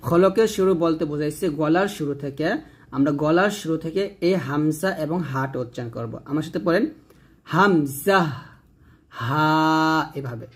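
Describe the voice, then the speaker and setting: A man, teaching Quran reading slowly, drawing out each letter name and then explaining how it is said. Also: a little high, a little mellow. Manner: drawn-out letter names, then plain explaining. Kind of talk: slow step-by-step recitation lesson.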